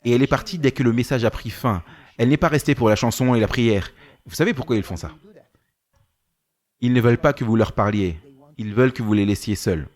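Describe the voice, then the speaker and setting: A male preacher telling a story in a sermon, acting out the dialogue with animation. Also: mid-range voice.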